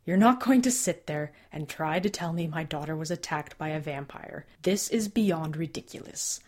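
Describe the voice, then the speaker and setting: A woman voicing a furious older father who shouts and demands answers in a raised, strained voice. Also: deep voice, normal speed. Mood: angry.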